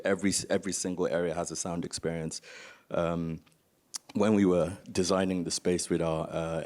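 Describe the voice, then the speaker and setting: Speaking on a conference panel, a man from Nigeria who founded a museum delivers an informal presentation built on stories and rhetorical questions, in a low voice with a darkish tone.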